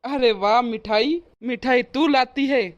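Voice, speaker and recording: A woman voicing a teasing, short-tempered grown brother in a cartoon, in a fairly high voice. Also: slow pace, muffled recording. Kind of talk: cartoon voice acting.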